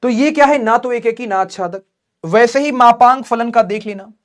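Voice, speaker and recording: A man's voice: very high-pitched, moderate pace. Male math teacher, live online class, jokey and teasing. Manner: joking, teasing students between explanations.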